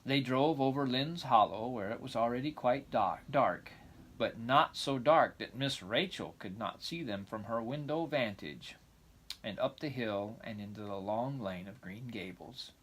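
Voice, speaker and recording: A man reads a storybook aloud as a storyteller, in a mid-pitched voice. His narration has small stumbles that he corrects as he goes. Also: a little slow, fairly bright tone.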